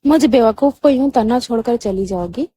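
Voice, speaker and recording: A woman reading the lines of a young husband, in a low and cold, measured tone. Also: mellow, lightly acted. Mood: cool. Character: young husband, cool then loving.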